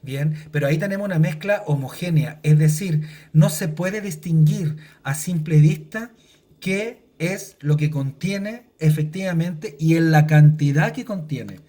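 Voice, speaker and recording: A man's voice: a little high, unhurried, mellow. A middle-aged man teaching a chemistry lesson, explaining step by step and checking in with "right?" as he goes. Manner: explains step by step, tags sentences with "¿cierto?". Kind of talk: recorded classroom lesson.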